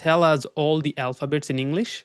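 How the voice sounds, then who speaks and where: A man's voice: on the high side, fairly even intonation, drawn-out words, smooth, no room sound, clean studio sound. Bangladeshi man teaching an online class. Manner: mixes Bengali and English, addresses students directly. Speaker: English teacher. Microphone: video call.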